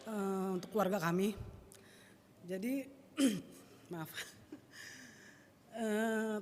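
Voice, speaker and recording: A woman telling a church congregation an emotional personal testimony, acting out the dialogue as she goes. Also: mid-range voice. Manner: emotional storytelling, acts out the quoted dialogue. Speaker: church member giving testimony. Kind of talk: spoken testimony at a church prayer meeting. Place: church hall. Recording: long hall reverb.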